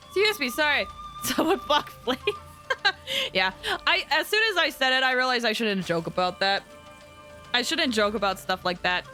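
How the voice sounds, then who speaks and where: Young woman, game streamer, high bright voice, giggly, excitable, casual chat, faint music. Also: moderate pace. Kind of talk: casual live gameplay reaction chat.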